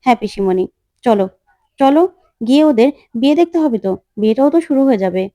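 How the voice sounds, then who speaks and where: A woman's voice: on the high side, animated, fast talker, dark tone, no echo, lightly acted. A woman voicing a heartbroken young woman who is wistful and resigned, speaking in a plaintive, pleading way.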